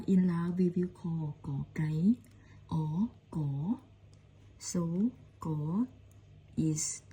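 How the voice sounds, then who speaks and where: Slow, dark-voiced woman. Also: lowish voice, slightly rough, low-quality recording. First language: Lao. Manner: slow, repetitive, says each sound several times. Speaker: language teacher. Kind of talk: casual short-form language lesson.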